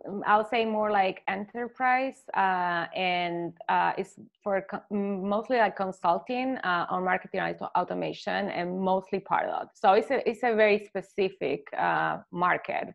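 A woman in her thirties from Argentina, who owns an agency, asks a question on a video call from her home living room, speaking hesitantly with many fillers and restarts. Her voice is medium-pitched with vocal fry at a measured pace. The laptop webcam audio sounds dull and lo-fi.

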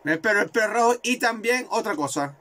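A man commentating his own football video game, excitable and swearing, repeating words in rapid bursts. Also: high-pitched. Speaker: gaming video creator.

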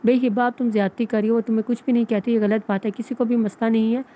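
A woman's voice: on the high side, little pitch movement, fast, dark tone, close to an everyday voice. A woman reading the lines of a level-headed young man who chides his cousin. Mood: chiding. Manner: chiding.

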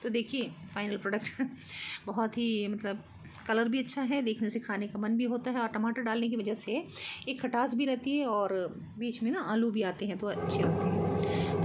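Home cooking vlogger, woman, middle-aged; friendly step-by-step chat, phone-recorded with faint noise. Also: fairly high pitch. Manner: chatty, explains step by step, light laughs. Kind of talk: casual cooking narration. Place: home kitchen.

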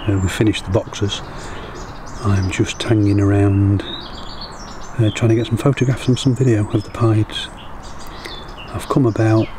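A middle-aged man, a bird tour guide and wildlife photographer, narrating a casual vlog to a camera-mounted mic outdoors in woodland, talking quietly and unhurriedly. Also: fairly low pitch. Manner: quiet, hushed and unhurried, keeping noise down for wildlife. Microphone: camera-mounted mic, close selfie framing. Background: background music and birdsong.

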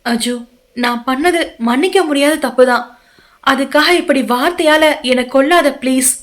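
A woman's voice: high voice, normal speed, lightly acted. Woman voicing a pleading guilt-ridden young woman. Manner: pleading, tearful.

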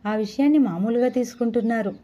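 A woman voicing a calm persuasive woman doctor. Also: fairly high pitch, fast, muffled recording, close to an everyday voice. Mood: reassuring. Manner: patient, reassuring explanation.

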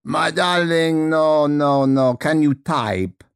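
A man voicing a commanding elderly woman movement teacher with a Russian accent, speaking slowly and theatrically. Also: fairly high pitch, clean tone, no echo, clean studio sound, pitched above the performer's own voice. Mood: withering. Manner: slow, theatrical, drawn-out vowels.

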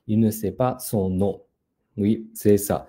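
Patient, slow-talking male teacher. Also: on the low side, fairly even intonation, mellow. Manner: patient, repeats words for learners. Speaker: language teacher. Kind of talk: bilingual children's story time.

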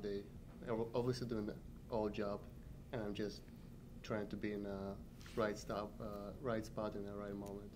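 A young man, a hockey player, answering press questions in halting, short broken phrases at a table mic. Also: on the low side, background noise. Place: press room, seated at a table. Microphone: table microphone.

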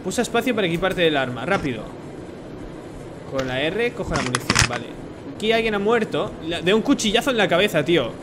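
A young man from Spain with a Spanish accent, commentating a horror game, jumpy, swearing and shouting when startled. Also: high voice, sing-song, a little fast, background noise. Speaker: gaming YouTuber. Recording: game music behind voice.

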